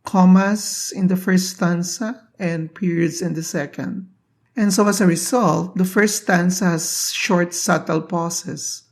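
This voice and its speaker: A poetry teacher hosting a lesson, explaining a poem in a deliberate, measured way with long pauses between phrases. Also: mid-range voice, a little mellow. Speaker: poetry teacher and channel host.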